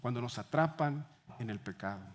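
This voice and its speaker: A man preaching a sermon, passionate, dropping often into hushed tones for emphasis. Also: mid-range voice, expressive, moderate pace. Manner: impassioned preaching with sudden drops to hushed tones. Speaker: pastor.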